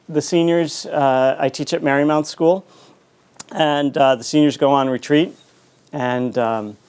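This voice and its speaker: A middle-aged man giving a conversational author talk in a reflective, halting, anecdotal way. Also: mid-range voice, a little mellow, clear, resonant tone. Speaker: author and school teacher giving a book talk.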